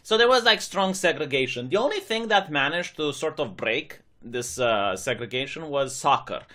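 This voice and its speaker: A man's voice: on the high side, sharp tone. A young man from Romania, a channel host, giving sarcastic opinion commentary. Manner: sarcastic, mocking imitations of critics.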